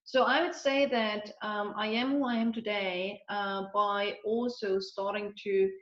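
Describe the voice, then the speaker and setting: A woman's voice: mid-range voice, fairly even intonation, unhurried, fairly bright tone. Chatty woman from Eastern Germany, roomy sound. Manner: chatty, many fillers and restarts. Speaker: guest. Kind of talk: casual conversational interview. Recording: roomy, dull lo-fi audio.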